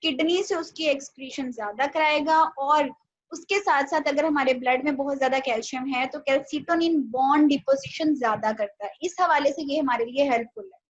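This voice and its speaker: A woman's voice: high-pitched, normal speed. Patient woman teaching over a muffled call. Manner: patient, explains step by step with fillers. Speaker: nutrition teacher. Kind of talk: online class lecture. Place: home video call. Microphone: laptop or phone mic on a video call. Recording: dull, lo-fi video call audio with faint noise.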